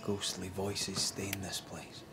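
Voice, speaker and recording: An actor playing a calm, commanding ghost hunter in a video game, measured, assured and direct. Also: male voice, deep voice, over loud music. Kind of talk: dramatic video game acting.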